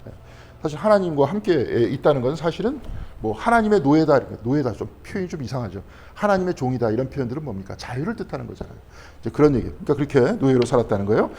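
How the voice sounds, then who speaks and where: Quick, lively male pastor teaching. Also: fairly high pitch, husky. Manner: asks the class questions, then answers them himself; conversational, checking in with frequent tag questions. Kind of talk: Bible study lecture.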